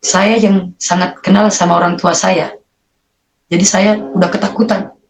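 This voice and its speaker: A guest from Indonesia giving an emotional personal testimony, telling the story in an earnest, halting way with frequent fillers. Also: medium pitch, little pitch movement, rough recording.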